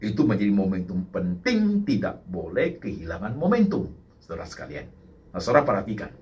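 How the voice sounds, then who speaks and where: A male pastor preaching a sermon in an animated way, slipping English words in and often turning to address the congregation. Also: low-pitched, brisk, lo-fi sound, a little hiss or hum. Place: church service.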